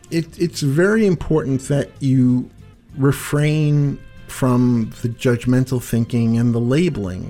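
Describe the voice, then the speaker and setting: A man hosting a radio call-in show, giving reflective advice to listeners in measured, short phrases. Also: mid-range voice, warm tone. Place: radio studio.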